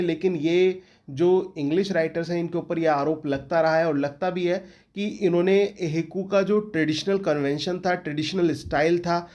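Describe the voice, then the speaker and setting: A man with an Indian accent and a slightly high, darkish-toned voice gives an exam-prep lecture on English literature, which he teaches. He often repeats questions back to his students.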